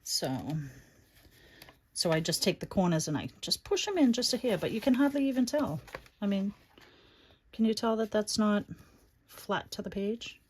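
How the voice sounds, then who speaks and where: A woman's voice: medium pitch, sing-song, moderate pace, long pauses, a little mellow. A woman with a Boston accent chatting casually to viewers and to herself as she hosts a crafting livestream. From Massachusetts, United States. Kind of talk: casual chat while crafting. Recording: noticeable background noise, clicks and rubbing.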